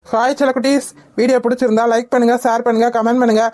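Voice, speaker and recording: A woman's voice: a little high, little pitch movement, rapid-fire, over music, natural voice. A woman signing off as the channel host, cheerfully asking viewers to like and share. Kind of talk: sign-off to viewers.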